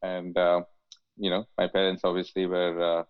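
Guest, man, 40s, from India; low voice, halting delivery, dry phone-like audio. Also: monotone, clear, resonant tone, no echo. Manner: hesitant, many fillers and restarts. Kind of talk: casual interview conversation.

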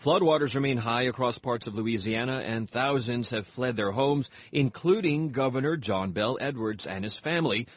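A man with a husky voice reading a scripted radio news bulletin as an anchor. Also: medium pitch, moderate pace, hardly any pauses, no echo.

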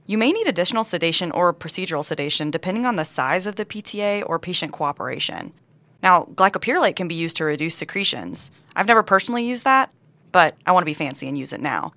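A woman's voice: lowish voice, sharp tone, no echo. Dry-voiced woman co-hosting a medical podcast. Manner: dry teasing asides. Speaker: podcast co-host, emergency medicine doctor. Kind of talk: scripted medical teaching podcast.

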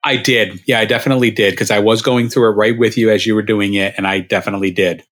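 A man's voice: fairly low pitch, fairly even intonation, quick pace, fairly bright tone. A man hosting a podcast interview, thanking his guest and asking short follow-up questions in an upbeat way. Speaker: podcast host. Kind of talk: interview chat.

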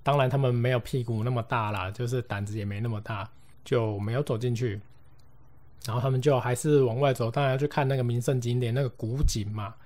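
A man's voice: medium pitch, steady tone, brisk, a little mellow. A man with a Taiwanese Mandarin accent hosting a podcast, telling a ghost story casually and acting out the voices of the people in it. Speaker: podcast host.

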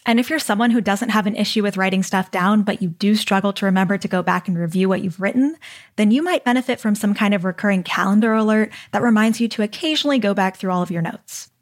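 A woman's voice: medium pitch, quick pace. A woman hosting a solo podcast, reading a script in an upbeat, encouraging, conversational way. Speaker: podcast host.

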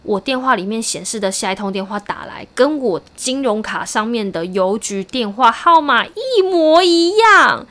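A woman's voice: medium pitch, moderate pace, hardly any pauses. A woman in her thirties with a Taiwanese Mandarin accent, telling a story in casual chat, acting out the other side's lines and laughing often. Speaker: podcast co-host.

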